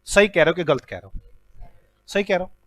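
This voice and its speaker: A man's voice: high voice, fast, no room sound. A man teaching an accounting class, telling a story and acting out the people in it. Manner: animated storytelling, acting out scolding and a crying manager. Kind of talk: classroom lecture.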